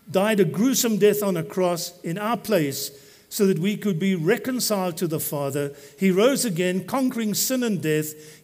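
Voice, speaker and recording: A man preaching a sermon as pastor, talking to the congregation in a conversational, joking way. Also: high voice. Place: church.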